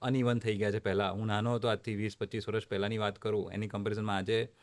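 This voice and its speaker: A middle-aged man from Ahmedabad with a Gujarati accent, a doctor talking in a relaxed way, dropping in English phrases. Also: fairly low pitch, fast talker. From Ahmedabad, India. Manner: relaxed, mixes English phrases, light laughter. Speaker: oncologist guest. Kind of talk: conversational interview.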